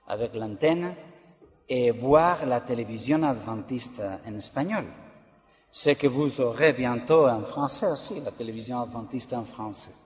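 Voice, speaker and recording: A man preaches to a congregation in halting French with a clear foreign Spanish accent. His pace is slow and he searches for words as he shares testimony. The sound is dull, with the long reverb of a large hall. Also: medium pitch. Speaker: pastor. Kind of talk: sermon-style testimony to a congregation.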